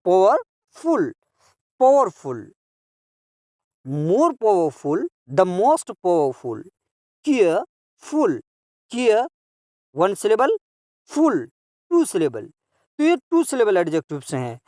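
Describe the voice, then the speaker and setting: A male English teacher working through a grammar lesson for children, drawing words out at an unhurried pace. His voice swings widely up and down as he repeats each word form one by one. The sound is close and dry, with no room around it. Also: high voice, wildly swooping pitch, a little mellow, dry recording. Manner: explains and translates for children.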